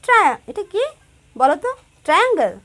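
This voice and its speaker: A woman with a Bangladeshi accent teaching young children English shapes, repeating words slowly and switching between Bengali and English. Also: extremely high pitch, very animated, fairly bright tone. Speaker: primary school English teacher. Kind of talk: classroom lesson to young children.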